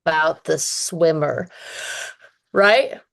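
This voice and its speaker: A woman's voice: deep voice, extremely slow, gravelly. A woman teaching an online English lesson, chatty and encouraging, with frequent laughs; she is dizzy today. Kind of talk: one-on-one online lesson chat.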